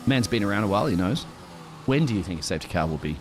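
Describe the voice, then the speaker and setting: A man doing live sim racing commentary, getting excited and shouting over fast laps. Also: fairly low pitch, noisy background.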